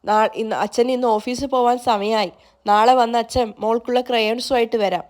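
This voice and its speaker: A woman voicing a gentle, doting young father. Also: on the high side, fairly even intonation, moderate pace, lightly acted. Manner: gentle, coaxing.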